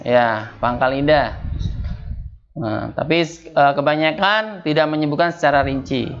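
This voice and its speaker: A man's voice: on the high side, measured pace, dull audio. A man teaching Quran recitation rules at a home study circle, patiently drilling Arabic letters and quizzing his students.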